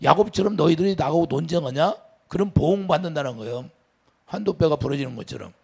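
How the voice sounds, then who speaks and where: A man preaching a sermon as pastor, asking the congregation questions and swinging from loud to quiet. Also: on the high side, lively intonation, fast talker, creaky, slightly rough. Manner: preaching with sudden rises and drops, asks the congregation questions.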